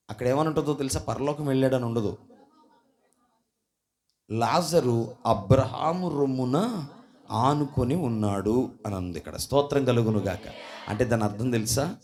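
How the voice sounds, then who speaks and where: A man preaching a sermon at a church service. He keeps questioning the congregation and calling for responses, and his voice swings suddenly between loud and soft. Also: medium pitch.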